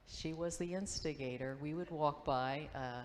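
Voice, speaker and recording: A woman in her fifties shares memories of an old friend in a school auditorium. Her voice sits low, and she pauses and restarts as she reminisces, now and then acting out quoted voices. A long hall reverb and faint room ambience surround her. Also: darkish tone, slight background noise. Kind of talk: memorial tribute, storytelling.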